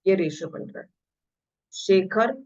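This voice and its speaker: A woman's voice: mid-range voice, lively intonation, a little mellow. Hindi-English math teacher, woman. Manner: mixes Hindi and English, reads questions slowly, explains quickly. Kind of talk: exam-prep math lesson. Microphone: screen-share voice recording. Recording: slightly dull lo-fi audio.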